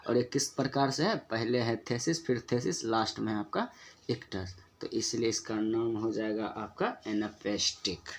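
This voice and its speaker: A man's voice: lowish voice, a little hiss or hum. Methodical male teacher explaining step by step. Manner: methodical, repeats example words slowly for emphasis; asks and answers his own questions. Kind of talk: spoken lesson on poetic meter.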